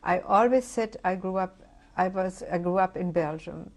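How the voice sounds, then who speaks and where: An older woman from Germany gives oral history testimony in an interview recording. Her voice is lowish, gravelly and slightly rough. She speaks reflectively and haltingly, often restarting her sentences.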